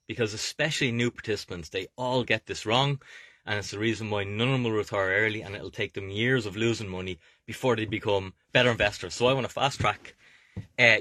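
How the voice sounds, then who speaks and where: Bright-voiced Irish man with a low pitch. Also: no room sound, studio quality. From Ireland. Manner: emphatic, repeatedly checking with "okay?". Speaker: investment coach and YouTube host. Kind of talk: informal motivational advice to viewers. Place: inside a camper van.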